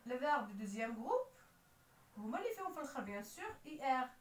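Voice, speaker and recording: This woman, a teacher with a Moroccan accent, explains French grammar at a very fast clip, spelling out letters and verb endings in a high, very animated voice. The recording has a roomy echo, a little hiss or hum, and she sits somewhat far from the mic.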